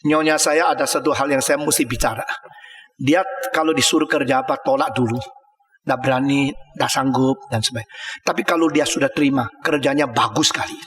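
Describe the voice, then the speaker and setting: Impassioned older pastor in an echoey hall. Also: male voice, fairly even intonation, brisk. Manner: impassioned, swinging between loud exclamations and low murmurs. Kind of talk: sermon.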